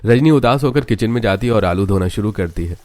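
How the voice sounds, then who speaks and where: A man narrating a cartoon story in a steady, scripted way. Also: fairly low pitch, a little fast.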